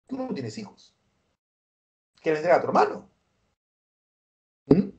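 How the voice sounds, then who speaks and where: Male prep-school history teacher from Peru, animated storyteller, slightly higher voice. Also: unhurried, dull audio. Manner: animated, tag questions like ¿ya? and ¿no?. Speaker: pre-university history teacher. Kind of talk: lively storytelling history class.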